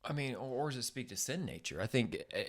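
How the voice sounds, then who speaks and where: A man co-hosting a podcast in relaxed conversation with his co-host. He talks emphatically, stacking words and restarting phrases as he works through a point. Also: medium pitch, quick pace. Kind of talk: casual chat.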